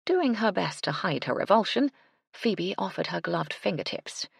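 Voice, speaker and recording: A woman narrating a cozy mystery audiobook in a measured, expressive reading style. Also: on the low side, vocal fry, husky, no echo, studio quality. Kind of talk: scripted narration.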